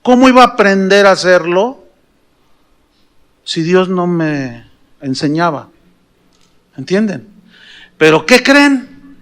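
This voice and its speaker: A middle-aged pastor with a Mexican accent, his voice sitting high for a man. He preaches in an animated, humorous way, telling stories and throwing questions at the congregation. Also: slow pace, pauses often. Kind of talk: storytelling sermon.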